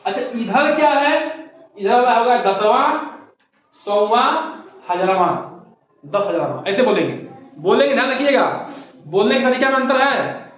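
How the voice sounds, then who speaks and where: A male primary school teacher explains step by step and keeps asking his class questions. His voice sits very high for a man. The sound is dull and muffled, and a strong echo fills the classroom. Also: expressive, normal speed, pauses often, slight background noise. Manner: patient, repetitive, asks rhetorical questions. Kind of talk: classroom lesson. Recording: echoey muffled classroom recording.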